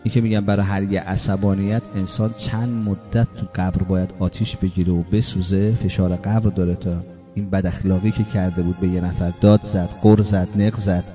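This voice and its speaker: Dark-voiced man preaching a sermon. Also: level tone, soft background music. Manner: rhetorical questions, swings from loud emphasis to low hushed asides. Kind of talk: religious sermon.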